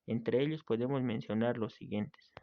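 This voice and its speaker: A man reading a grammar lesson aloud in a steady way, with small slips and restarts. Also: medium pitch, normal speed, no room sound. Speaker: teacher. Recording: dry, slightly dull home recording.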